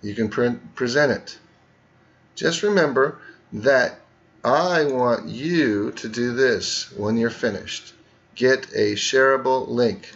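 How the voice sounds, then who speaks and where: A man's voice: mid-range voice, takes it slowly, creaky, a bit bright, lo-fi sound. A man teaching students, narrating a screen tutorial and talking through each click step by step.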